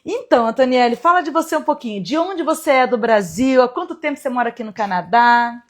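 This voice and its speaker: A woman hosts a casual live interview over a video call, her voice sitting high. She talks in a chatty, encouraging way with frequent laughter. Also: animated, quick pace. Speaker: host.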